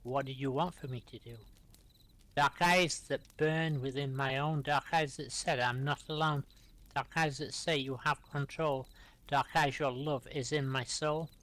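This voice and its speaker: A middle-aged man hosting a live-streamed poetry reading, reciting his own rhyming poems aloud and calmly inviting the next reader between them. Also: fairly high pitch.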